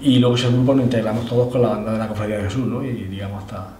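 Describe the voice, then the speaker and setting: A man's voice: on the low side, fairly even intonation, racing, mellow. A middle-aged man with an Andalusian accent telling his story conversationally in a casual interview. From Spain, Andalusia. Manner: conversational, often adds tag questions. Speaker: interviewee, Holy Week proclamation orator. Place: indoors, room with display cabinets. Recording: echoey, slightly distant, faint noise.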